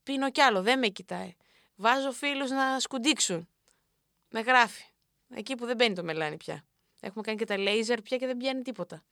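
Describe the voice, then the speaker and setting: A young woman hosting a show, telling a funny self-mocking story about a night out in a lively, animated way. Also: on the high side, no room sound, studio quality. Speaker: radio host. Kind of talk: comic storytelling monologue.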